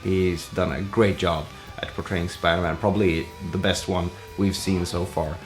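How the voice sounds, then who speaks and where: A man, a musician, answering viewer questions in a relaxed, rambling way full of fillers. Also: low voice, normal speed, faint music behind. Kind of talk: casual Q&A vlog.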